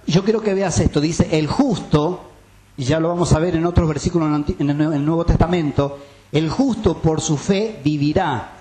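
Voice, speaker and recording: A man's voice: on the high side, darkish tone. A man preaching a sermon, emphatic and quizzing his listeners with rhetorical questions.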